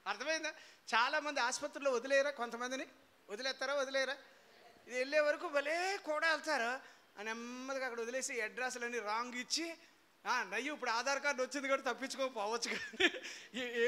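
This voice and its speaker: A man preaching a sermon as pastor, quizzing his congregation in call-and-response and swinging from low storytelling to shouted praise. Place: church hall before a congregation.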